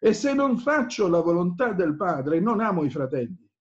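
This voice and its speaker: High-pitched guy preaching hard, repeats himself, gets heated, dull lo-fi recording. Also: sing-song, normal speed. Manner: fervent, repetitive, rises in anger. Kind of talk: impassioned sermon.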